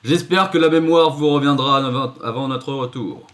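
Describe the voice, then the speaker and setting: A man's voice: medium pitch, fairly even intonation, moderate pace, fairly bright tone, natural voice. A man voicing a smug male video game villain who threatens politely, in a suave, theatrical manner. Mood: smugly menacing.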